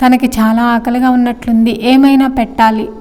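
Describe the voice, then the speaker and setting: A woman's voice: fairly high pitch, little pitch movement, moderate pace, warm tone, natural voice. A woman reading a story aloud, voicing a small girl who talks like a grown-up, with a long hall reverb. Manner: grown-up, matter-of-fact. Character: bossy little servant girl.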